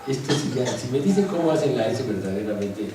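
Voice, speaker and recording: A man's voice: medium pitch, animated, brisk, background noise. Echoey Mexican man lecturing from afar. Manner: chatty teaching with asides and rhetorical checks. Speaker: linguistics lecturer. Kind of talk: university lecture. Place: university classroom. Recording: echoey classroom, mic far off.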